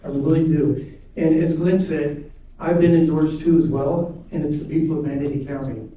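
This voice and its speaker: Dark-voiced man in a very echoey room. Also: fairly high pitch, fairly even intonation, normal speed. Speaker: political candidate. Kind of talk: campaign speech at a debate. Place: indoor public debate venue. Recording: distant, very echoey room, faint noise.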